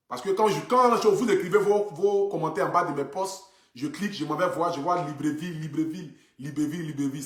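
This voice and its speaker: A man's voice: a little high, a bit bright, reverberant. A man influencer talking casually on a phone livestream to his viewers, earnest and repetitive, with lots of filler words. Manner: earnest, repetitive, many fillers like "voilà" and "donc du coup". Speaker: social media influencer. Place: indoors, seated.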